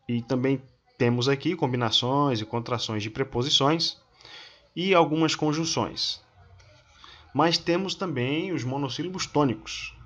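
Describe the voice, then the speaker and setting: A man at a middle pitch reads out grammar examples at an unhurried, deliberate pace, one word after another. It sounds like a lesson recording. The audio is slightly dull and muffled. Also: fairly bright tone. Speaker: Portuguese grammar teacher. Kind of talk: slow instructional reading of word lists.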